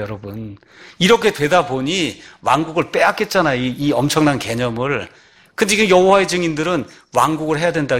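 A male pastor delivering a sermon in a slightly raised voice. He keeps turning to his listeners with rhetorical questions. His phrases rise to emphatic peaks and then fall to low, quiet endings.

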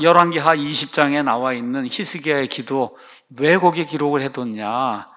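A man's voice: fairly high pitch, a bit bright. A man preaching a sermon as pastor, emphatic, posing rhetorical questions to his congregation.

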